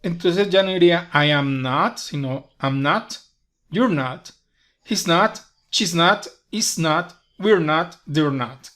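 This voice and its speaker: Slow, patient male English teacher. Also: a little high, fairly bright tone. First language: Spanish. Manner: slow, patient, repeats examples step by step. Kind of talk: slow grammar lesson explanation.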